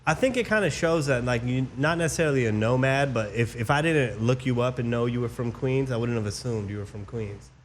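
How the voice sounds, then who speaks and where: A man's voice: mid-range voice, fairly quick, hardly any pauses, a little hiss or hum. Enthusiastic, slangy radio host man. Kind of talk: casual interview chat.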